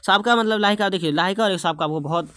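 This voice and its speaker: High-voiced man teaching. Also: quick pace, pushed and bright. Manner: explains by repeating terms and asking the class questions. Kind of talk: exam-prep lesson.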